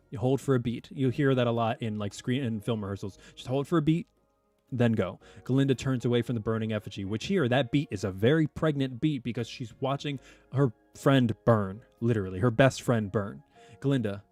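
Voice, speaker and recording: A man reads a screenplay aloud and breaks off into animated, chatty commentary. His voice sits at a middle pitch. The recording is dry and close. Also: dry recording.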